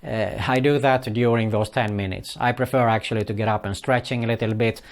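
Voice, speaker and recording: A Swedish man who vlogs about online marketing speaks English as a later language, his native tongue being Swedish. His voice sits on the low side with fairly even intonation and a fairly quick pace. Talking casually to the camera, he gives viewers advice, full of hesitant fillers and non-native phrasing.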